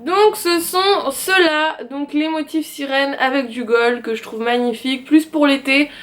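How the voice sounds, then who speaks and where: A woman's voice: high-pitched, a little slow, a bit bright, slight background noise. A young woman from France showing off craft purchases in a casual, chatty, self-mocking way, with sighs and fillers. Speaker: craft vlogger. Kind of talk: casual haul video.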